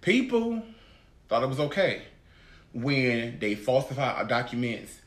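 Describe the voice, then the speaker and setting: A man's voice: mid-range voice, very animated, unhurried, fairly bright tone. Blunt thirtysomething man, echoey room. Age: 30s. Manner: blunt, emphatic, swears freely. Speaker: podcast host. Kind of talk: casual roundtable chat. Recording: echoey room with faint noise.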